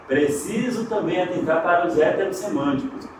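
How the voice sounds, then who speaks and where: A Brazilian man teaching a televised Spanish lesson, slow and emphatic on example words. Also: sits high. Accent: Brazilian Portuguese. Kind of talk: televised exam-prep lesson. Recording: very echoey, distant mic, faint noise.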